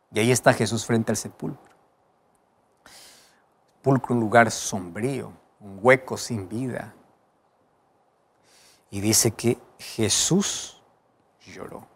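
A male preacher delivers a dramatic sermon with a lively pitch that rises and falls widely. He moves from raised, emphatic exclamations to quiet, almost whispered passages. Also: husky. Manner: dramatic, swings from loud to hushed.

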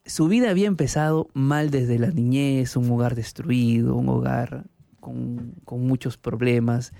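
Mellow-voiced earnest male pastor. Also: mid-range voice, steady tone, a little slow, creaky, no room sound, clean studio sound. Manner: earnest, emphatic storytelling. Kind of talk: preaching testimony.

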